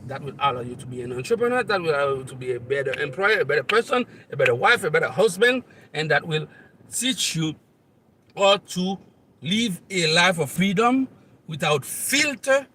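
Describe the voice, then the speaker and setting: A man's voice: on the high side, lively intonation, normal speed, slightly rough. A man from Haiti with a Haitian accent, hosting a live motivational talk and speaking straight to the listener in an earnest, repetitive way. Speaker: motivational coach and channel host. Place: outdoors near traffic, on the road. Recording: distant mic with loud traffic noise.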